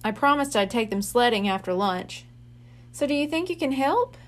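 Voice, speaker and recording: Worried older boy in a storybook, earnest and unhurried, high light voice, read by a woman. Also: animated, close to an everyday voice. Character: friendly older boy babysitting siblings.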